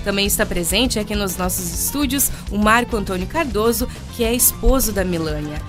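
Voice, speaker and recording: A woman's voice: medium pitch, fairly quick, over music. A woman hosting a radio interview in a studio, prompting her guest with friendly questions. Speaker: radio host.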